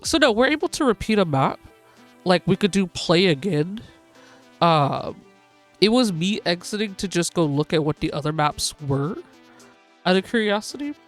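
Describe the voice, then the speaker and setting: A woman hosting a live gaming stream, excitedly calling a race like a sportscaster for her viewers. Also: on the low side, normal speed, faint music behind. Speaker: livestream host.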